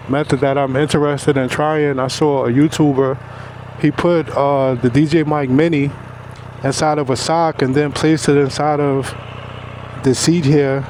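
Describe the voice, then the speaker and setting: A man's voice: fairly high pitch, darkish tone, slight background noise. A man vlogging casually to his viewers outdoors at the roadside, talking through his thoughts. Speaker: motovlogger. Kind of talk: casual chat, summing up a gear test.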